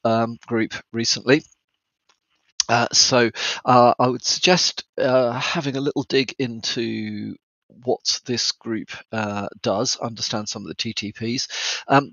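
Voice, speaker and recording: A man with a low, gravelly voice, croaky from a cold, hosts an informal news briefing. He speaks in halting, broken phrases with plenty of ums. The recording is dry and a little dull. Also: sharp tone, dry recording. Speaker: host of a cyber security news briefing.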